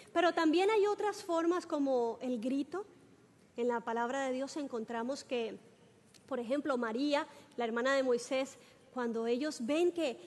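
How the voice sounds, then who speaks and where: A woman preacher giving an animated sermon, talking straight to the congregation and breaking into shouts for emphasis. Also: high-pitched, long reverb tail. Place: church sanctuary.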